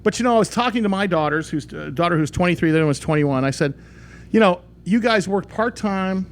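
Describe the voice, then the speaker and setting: A middle-aged man hosting a radio talk show, rambling and lively, often restarting his sentences. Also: high-pitched, quick pace.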